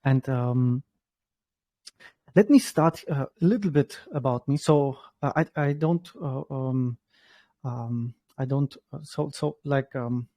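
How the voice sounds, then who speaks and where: Halting, mellow-voiced man in his thirties. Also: mid-range voice, dry recording. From Germany. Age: 30s. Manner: halting, many fillers and restarts, non-native grammar. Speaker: guest, startup founder. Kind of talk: casual spoken self-introduction.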